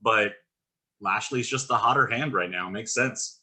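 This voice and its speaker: A man's voice: on the low side, unhurried, pushed and bright. A man co-hosting a podcast in casual chat, giving blunt and exasperated opinions. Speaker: podcast co-host. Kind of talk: casual chat about wrestling.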